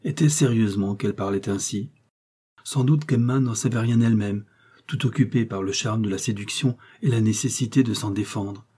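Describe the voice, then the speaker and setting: A man reading a classic novel aloud in a measured, expressive way. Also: lowish voice, breathy edge. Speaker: audiobook reader. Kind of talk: literary narration.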